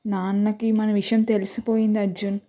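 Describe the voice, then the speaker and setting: A woman's voice: mid-range voice, level tone, fairly quick, mellow, natural voice. A woman voicing a young daughter, tearful and pleading with her father.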